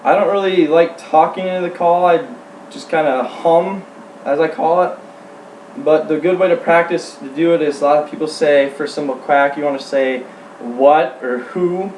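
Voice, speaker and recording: Halting man in a roomy, distant recording. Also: fairly high pitch, fairly even intonation, a little mellow. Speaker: duck hunting instructor. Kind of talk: informal how-to demonstration. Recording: roomy, distant mic, faint hum.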